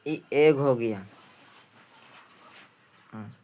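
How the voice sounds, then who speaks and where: Speaking extremely slowly in a dark-toned, medium-pitched voice, a man with a Bihari accent teaches a maths practice lesson for an exam. He asks questions, answers them himself, and repeats phrases as he works through the problems.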